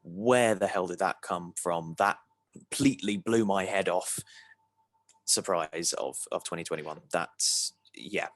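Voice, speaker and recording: Deep-voiced man, dry sound. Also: a little slow, dry recording. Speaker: podcast co-host. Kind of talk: casual chat.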